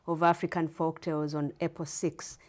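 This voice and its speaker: A middle-aged woman from Uganda, a guest professor answering interview questions in a measured, explanatory way. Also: deep voice, flat delivery, darkish tone. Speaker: guest storyteller and English professor.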